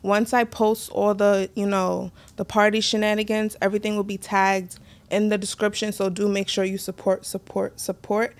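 A woman in her twenties co-hosts a podcast in relaxed, casual talk. She is chatty and keeps things light with quick asides. She grew up in the United States. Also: medium pitch. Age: 20s. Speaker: podcast co-host. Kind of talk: casual chat.

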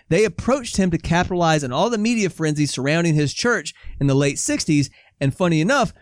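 Male co-host, higher-pitched voice with lively swings, dry close sound, reads notes then cracks jokes. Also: dry recording. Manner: animated, laughs often, reads facts then jokes. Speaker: podcast co-host. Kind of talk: casual chat, reading from notes.

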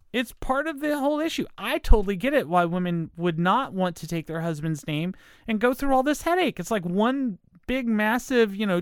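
A woman's voice: mid-range voice, smooth, dry recording, studio quality. American woman talking with dental aligners in. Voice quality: speech slightly impeded by dental aligners. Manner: rambling, circling back, apologetic. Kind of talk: casual unscripted monologue.

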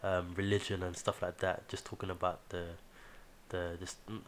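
A man's voice: sits low, level tone, normal speed, slight background noise. A man with a London roadman accent hosting a podcast in casual, slang-heavy chat, swearing freely. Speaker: podcast host.

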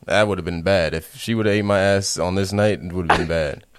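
A young man co-hosting a podcast, telling an embarrassing story in a laid-back, deadpan way. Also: low voice, fairly quick, smooth, no echo, clean studio sound. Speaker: podcast co-host.

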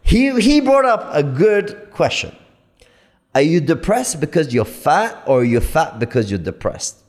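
A man in his late thirties arguing his point in a casual podcast chat, emphatic and animated, often repeating himself. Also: on the high side, a little slow. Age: 30s. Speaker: podcast guest.

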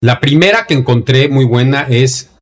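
A podcast co-host with a Mexican Spanish accent, born in Denver and raised in Mexico, chats casually and mocks phrases in put-on voices. His voice is medium-pitched at a moderate pace.

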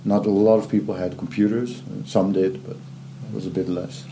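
A man's voice: on the low side, level tone, moderate pace, mellow, a little hiss or hum. A man hosting an interview, asking curious, easygoing questions. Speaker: interview host. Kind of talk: casual interview chat.

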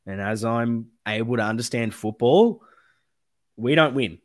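A young Australian man with a hoarse voice, giving a passionate football match review as a fan podcast host. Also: medium pitch, a little slow. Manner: animated, emphatic, swings between loud outbursts and muttering. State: hoarse, losing his voice.

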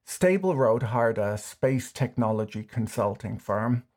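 A man hosting a scripted finance explainer, delivering it with dry, wry deadpan humor. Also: mid-range voice, unhurried. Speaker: YouTube finance commentator.

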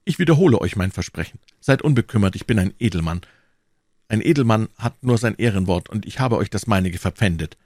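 A man's voice: fairly low pitch, expressive, fairly quick, darkish tone, no room sound, studio quality. A man voicing a proud old nobleman who speaks in a raised, emphatic tone. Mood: assuring.

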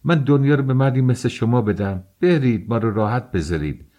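A man's voice: lowish voice, expressive, mellow. A man voicing an agitated middle-aged mother who argues sharply to protect her daughter, in an audiobook reading. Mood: indignant.

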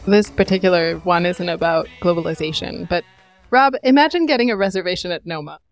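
A woman's voice: lowish voice, fairly quick, faint music behind. A woman, a podcast correspondent, telling a wry story in a chatty way.

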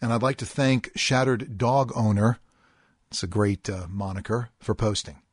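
Husky-voiced man hosting a podcast. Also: lowish voice, no room sound, clean studio sound. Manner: earnest, deliberate, stretches key words. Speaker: podcast host. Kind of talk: podcast monologue reading a listener posting.

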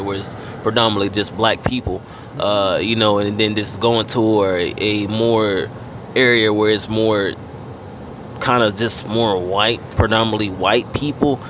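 Laid-back low-voiced man, traffic noise. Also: fairly even intonation, normal speed. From Fort Lauderdale, Florida. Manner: laid-back, heavy on fillers and casual swearing. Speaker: guest rapper. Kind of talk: casual interview chat.

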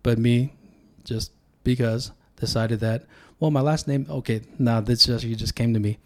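A Sacramento, California man who grew up speaking Tongan appears as a guest on a casual podcast, where he is also a political candidate. His mid-range voice holds a steady tone at a normal speed as he reflects and tells stories.

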